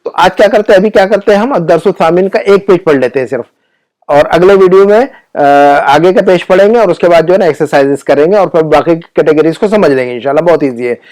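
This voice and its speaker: A middle-aged male teacher with a fairly high voice gives a classroom grammar lesson. He explains patiently and repeats key terms. He keeps asking quick check-in questions and reads word lists out slowly, one by one. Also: lively intonation, a little mellow. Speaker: Arabic teacher.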